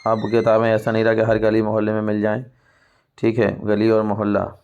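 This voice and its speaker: An Indian male English teacher speaks in a low, steady voice that hardly rises or falls, clear and smooth. He reads English lines aloud slowly, then explains them in Hindi. The sound is a little dull and lo-fi. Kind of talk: exam-prep lesson.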